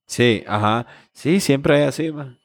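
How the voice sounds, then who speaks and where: A man holds forth in a loose chat among friends, blunt and salty, leaning hard on his points. His voice sits at an ordinary middle pitch. The sound is dry and close, with no room in it. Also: takes it slowly, no room sound. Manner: blunt, profane and emphatic. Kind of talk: casual chat.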